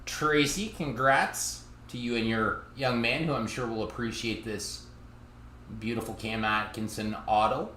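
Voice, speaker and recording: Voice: mid-range voice, steady tone, a little slow, noisy background. A card break host, chatting through a live box break and teasing viewers by name from a card shop. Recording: roomy echo.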